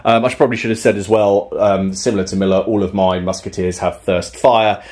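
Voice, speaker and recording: A man in his thirties with a low voice walks through a tabletop battle at home. He speaks in a relaxed, chatty way, pausing on fillers and chuckling, heard through a camera across the room. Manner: relaxed, chatty, explains rules with fillers and laughs. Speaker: tabletop wargame player and channel host. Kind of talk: casual battle report commentary.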